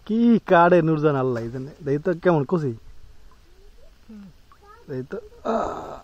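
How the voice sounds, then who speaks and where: A man's voice: a little high, animated, a little slow, dull audio. A young man chatting casually to viewers in a family vlog outdoors at a rural home, coaxing his small son along the way. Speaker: family vlogger.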